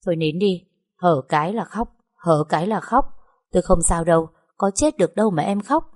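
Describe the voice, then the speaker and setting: A woman voicing a curt, gruff young master. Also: lowish voice, expressive, a little fast, darkish tone, no room sound, studio quality. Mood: soothing. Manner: scolding, curt.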